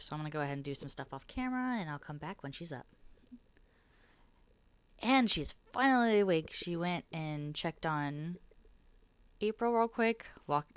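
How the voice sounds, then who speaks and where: A woman with a low voice, made nasal by a cold, chats her way through a life-simulation game. Her talk is casual and rambling, and at times it drops to a soft, breathy tone. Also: no room sound. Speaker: gameplay narrator.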